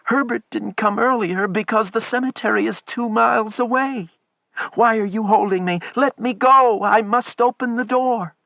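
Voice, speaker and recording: A man's voice: unhurried, hardly any pauses, pushed and bright, no echo. A man voicing a frantic, grieving old woman who screams and pleads in a wild, desperate voice. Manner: shrill, screaming.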